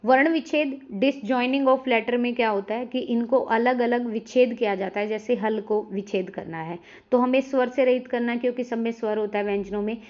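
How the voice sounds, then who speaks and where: Female online grammar teacher, fairly high voice, patient step-by-step explainer, muffled lo-fi sound. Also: steady tone, normal speed, few pauses, darkish tone. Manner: explains step by step, addresses viewers directly. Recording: dull lo-fi recording.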